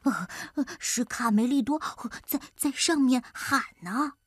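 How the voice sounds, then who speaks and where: A woman's voice: high-pitched, lively intonation, measured pace, slightly rough, dry recording, clean studio sound, full character voice. A woman voicing a timid male rat who stammers nervously in a children's storybook. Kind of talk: storybook voice acting.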